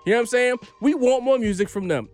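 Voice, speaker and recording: An American man hosting a hip-hop podcast in slangy, profane banter, giving loud, opinionated ribbing with emphatic repeats. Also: extremely high pitch, fast talker, faint music behind. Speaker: podcast host.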